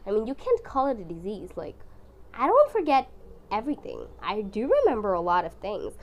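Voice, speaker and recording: A young art vlogger, sick with the flu, narrates her painting in a congested, strained voice. She chats casually and expressively, being dramatic and self-deprecating, in a mid-range voice that moves a little fast.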